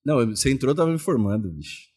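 A Brazilian man in his forties, from Salvador, Bahia, who moved to São Paulo state as a child, chats casually as an interview guest. His mid-range voice is sing-song, very fast, dark, and a bit breathy, and he tells his stories in informal, slangy speech.

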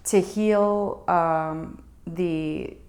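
A woman co-hosting a podcast, telling a personal story in a thoughtful way with many pauses and fillers. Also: lowish voice, steady tone, darkish tone. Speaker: podcast co-host. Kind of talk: casual podcast chat.

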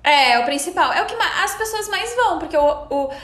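A woman's voice: very high voice, animated, fairly bright tone. A woman podcast host, chatting casually and agreeing often. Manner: chatty, agreeable, quick affirmations. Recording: echoey room.

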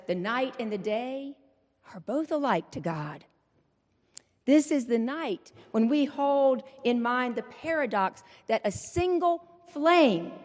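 Woman preacher at a pulpit mic, higher voice, unhurried delivery, long church reverb. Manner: measured, rhythmic preaching with repeated refrains. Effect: preaching into a pulpit microphone. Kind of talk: Easter Vigil sermon. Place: large church.

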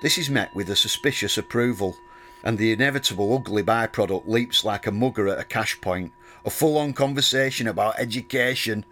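A man in his thirties narrating a wry, deadpan personal story. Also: fairly low pitch, fairly quick, a little hiss or hum. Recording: music playing under the voice.

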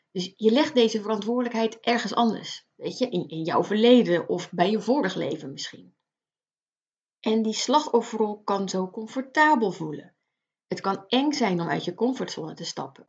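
A woman's voice: medium pitch, muffled recording. A woman coaching the listener in a motivational self-help talk, earnest and direct, speaking straight to them. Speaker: life coach.

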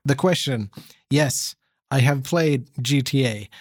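Slow, hesitant man with a cough. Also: mid-range voice, a little mellow, husky, dry recording, studio quality. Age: middle-aged. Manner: halting, hesitant, dryly humorous. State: has a persistent cough. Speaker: podcast co-host. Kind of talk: casual chat.

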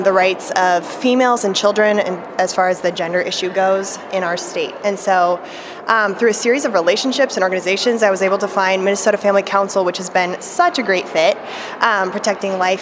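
A woman giving casual interview answers as a podcast guest in an echoey hall. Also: mid-range voice. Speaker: podcast guest, public policy assistant. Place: echoey state capitol hall. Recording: echoey hall, clear background noise.

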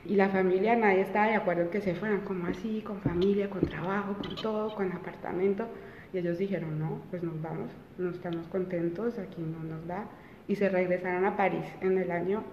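A woman's voice: medium pitch, fairly even intonation, moderate pace, a little hiss or hum. A woman in her twenties, an interview guest telling her own story casually, with many fillers and restarts. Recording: roomy, reverberant, dull sound.

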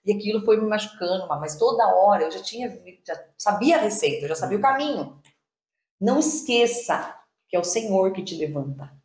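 A woman with a Brazilian Portuguese accent, a podcast co-host sharing a faith testimony in an animated storytelling way and laughing often. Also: medium pitch, brisk, roomy sound.

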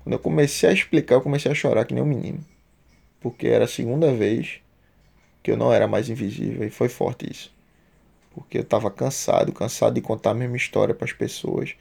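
A man's voice: mid-range voice, fairly quick, vocal fry, warm tone, slightly rough. A man telling a personal story casually, emotional and heartfelt, with a lot of slang.

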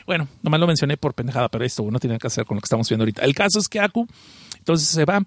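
A man with a Mexican accent retelling a story in casual, profane commentary, animated and full of slang. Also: a little high, racing, no echo. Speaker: anime and manga reviewer.

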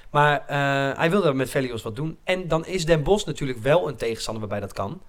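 A man in casual football chat, animated and laughing often, his voice climbing when he gets worked up. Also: fairly high pitch, brisk. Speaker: football podcast panelist.

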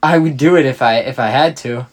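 A man's voice: medium pitch, brisk. A young man co-hosting a podcast, chatting casually and joking with his co-host. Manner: joking, bantering. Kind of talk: casual chat.

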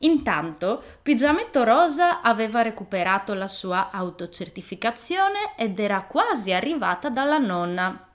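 A woman's voice: on the high side, moderate pace, hardly any pauses. A woman narrating a fairy tale in a scripted, playful storybook style. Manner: animated, playful telling.

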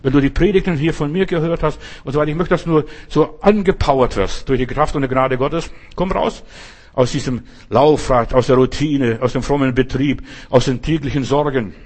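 A man preaching a sermon, repeating key phrases and slowing down to stress them. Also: mid-range voice, darkish tone.

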